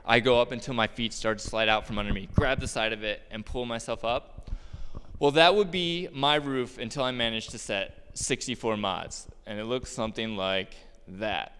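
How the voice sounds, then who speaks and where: A man tells a personal story about his roofing work in a relaxed, joking way, full of ums and laughs. His voice is smooth and resonant at a middle pitch. A long hall reverb follows his words. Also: moderate pace. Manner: casual, joking, many fillers and laughs. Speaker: roofer telling a personal story. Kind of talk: personal storytelling talk on stage.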